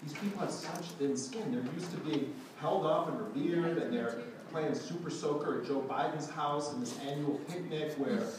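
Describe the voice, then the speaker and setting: A journalist and author giving a talk to a live audience, telling an anecdote in a sardonic, indignant way. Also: male voice, on the high side, moderate pace, hardly any pauses. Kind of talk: public speech, anecdotal storytelling. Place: lecture hall before a live audience. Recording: echoey hall, distant mic, background noise.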